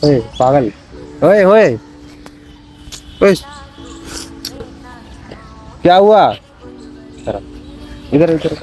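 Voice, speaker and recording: Young man pleading in a mellow voice. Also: a little high, expressive, drawn-out words, faint music behind. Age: young adult. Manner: pleading, coaxing, repeating words. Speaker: prank vlogger. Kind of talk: casual prank vlog argument.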